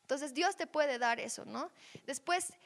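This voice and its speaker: A woman's voice: sits high, a little slow, gravelly, long reverb tail. A woman giving a teaching session on dreams. She speaks conversationally and often checks in with her listeners. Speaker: Bible teacher.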